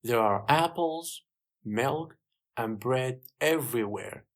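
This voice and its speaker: A narrator reads an easy story for English learners, keeping each short sentence clear. The pace is slow and the pitch moves in a lively, expressive way.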